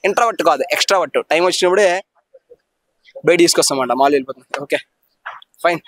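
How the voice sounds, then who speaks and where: A man giving a rambling, animated street opinion on a reality show. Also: on the high side, no room sound. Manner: rambling, talks fast, jumps between topics. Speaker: street interviewee.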